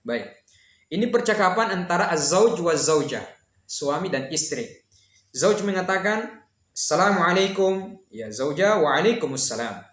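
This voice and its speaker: A man teaching an Arabic lesson, reading dialogue lines slowly and explaining them with frequent fillers. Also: sits high, sing-song, roomy sound.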